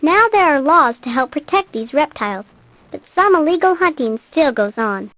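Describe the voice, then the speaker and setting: Woman doing nature documentary narration, really high voice, scripted educational read. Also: lively intonation, moderate pace, fairly bright tone, dry recording, low-quality recording.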